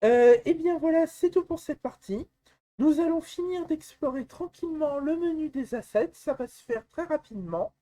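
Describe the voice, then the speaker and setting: A woman presenting a software tutorial, calmly explaining step by step with some hesitations. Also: high voice, moderate pace. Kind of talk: screen-recorded software tutorial.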